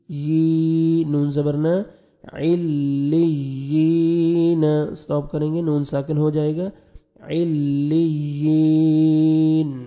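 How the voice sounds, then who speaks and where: Man teaching Quran recitation, flat and dark. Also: fairly high pitch. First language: Urdu. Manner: alternates rapid explanation with slow drawn-out recitation. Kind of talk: tajweed lesson, spelling out letters and reciting slowly.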